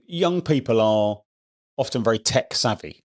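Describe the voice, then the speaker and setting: A man's voice: medium pitch, lively intonation, measured pace. A man hosting a podcast interview, asking questions conversationally with restarts. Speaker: podcast host.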